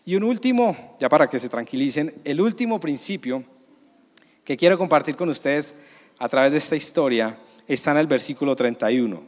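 A man with a Colombian Spanish accent, a pastor preaching a sermon, telling stories and moving between quiet and loud. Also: on the high side, animated, fairly quick, big-room sound. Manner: storytelling, swings from hushed to loud. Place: church hall.

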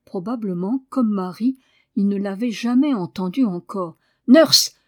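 A woman reading a novel aloud as audiobook narration, measured and expressive. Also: medium pitch. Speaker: audiobook reader. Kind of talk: scripted narration.

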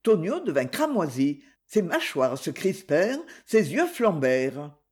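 An audiobook narrator reading a crime novel in a measured storytelling manner. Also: medium pitch, sing-song, a little mellow, husky. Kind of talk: scripted narration.

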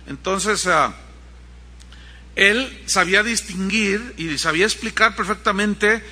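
A man's voice: high-pitched, slow. A man preaching a sermon in a conversational way, with asides to the congregation and acted-out quotes. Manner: animated storytelling, acting out quotes.

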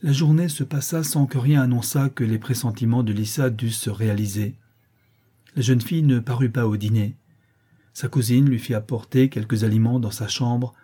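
A male audiobook narrator reads a classic novel at an even, measured pace. His voice is mellow and darkly toned, with a husky, slightly breathy edge. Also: mid-range voice. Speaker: audiobook reader.

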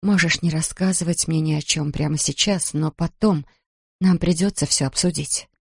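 A woman's voice: low-pitched, steady tone, moderate pace, gravelly, a little mellow, husky, no room sound, studio quality, exaggerated voice. A reader voicing a tired, anxious mother, a doctor, who pleads with her son. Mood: pleading weary.

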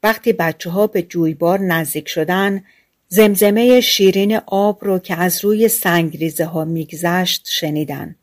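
Calm woman reading a fairy tale. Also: on the low side. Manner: calm, measured storytelling. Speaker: audiobook narrator. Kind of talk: scripted fairy-tale narration.

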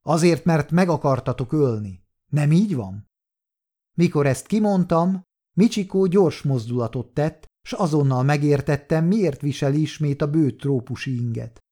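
A man narrating a first-person crime story in a calm, measured reading. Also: fairly high pitch. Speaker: audiobook narrator.

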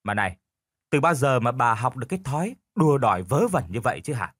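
A man's voice: mid-range voice, animated, a little fast, a bit bright, no room sound, studio quality. Man doing a stubborn, lazy old village husband. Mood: stubborn bickering. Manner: stubborn, quarrelsome.

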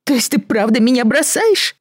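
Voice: animated, normal speed, dry recording, studio quality, natural voice. A reader voicing a tearful, anxious woman of forty in an audiobook, pleading in a raised voice. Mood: hurt. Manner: pleading, voice pitched up high. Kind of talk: audiobook reading.

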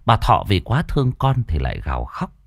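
A man's voice: lowish voice, wildly swooping pitch, fairly quick, creaky, dry recording, clean studio sound. A man narrating a ghost story in a dramatic, suspenseful way.

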